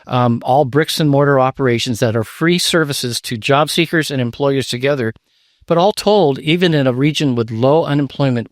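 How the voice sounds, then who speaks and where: A man's voice: mid-range voice, no echo, clean studio sound. Middle-aged man giving businesslike answers. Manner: businesslike, lists facts and figures. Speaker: nonprofit CEO, guest. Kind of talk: conversational interview. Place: studio in Washington, DC.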